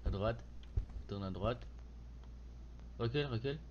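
A man's voice: medium pitch, measured pace, lo-fi sound. A man chatting casually as he gives directions during a horror game, offhand and prone to swearing. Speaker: gaming companion giving directions. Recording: noisy home gaming recording.

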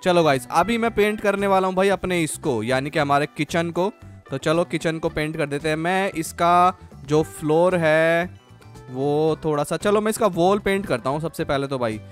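Chatty man narrating gameplay, slightly high voice. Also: moderate pace, faint music behind. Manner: chatty, keeps calling viewers "guys" and "bhai". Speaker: gaming channel host. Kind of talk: casual gameplay commentary.

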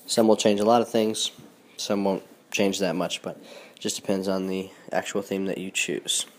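A man with a cold talks through a phone tutorial in a nasal, stuffed-up voice. His voice sits low and stays fairly flat, and his delivery is relaxed and chatty, dotted with ums and small restarts. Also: normal speed, slight background noise. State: sick with a stuffy nose. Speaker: host. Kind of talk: casual phone tutorial walkthrough.

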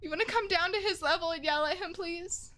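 A woman's voice: very high voice, fairly quick, sharp tone. A woman streamer reacting to a horror game, swearing a lot and shrieking at the scares.

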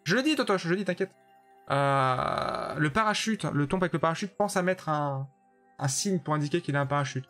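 Over soft background music, a man with a fairly high, fairly bright voice speaks at normal speed as he live-streams a platform game where players make levels. He's chatty, answers chat members by name, and doesn't hold back when judging their levels.

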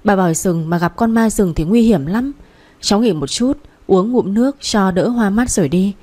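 A woman voicing a timid young pregnant wife who speaks softly and coaxingly. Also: medium pitch, normal speed, close to an everyday voice. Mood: pleading. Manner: soft, coaxing.

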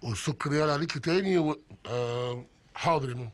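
An actor playing a bossy, smooth-talking male bank robber with an Egyptian accent who coaxes hostages and his partner. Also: a little high, fast talker, lightly acted. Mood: coaxing. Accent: Egyptian Arabic.

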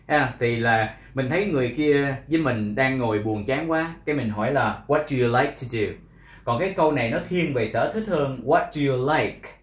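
A man with a Vietnamese accent teaching English pronunciation, repeating words slowly and explaining in Vietnamese. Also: medium pitch, roomy sound. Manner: slow drilled repetition of English words. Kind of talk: pronunciation lesson.

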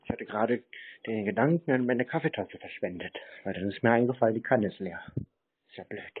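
A scambaiter with a fairly low, slightly breathy voice keeps a scam caller on the line, chatting casually and stalling through nonchalant rambling. The recording is narrow-band and muffled, with noticeable noise.

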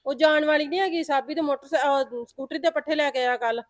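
A woman plays a quick-tongued Punjabi village mother with a high, fast voice, nagging and insistent. Her voice is recorded close and dry, with no room sound. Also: fairly even intonation, dry recording, close to an everyday voice. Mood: defensive. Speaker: mother of grown son. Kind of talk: village drama acting.

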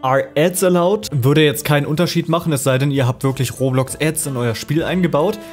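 A man hosting a screen-recorded software tutorial, explaining casually with fillers and speaking straight to his viewers. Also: on the high side, brisk, faint music behind. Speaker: tutorial host.

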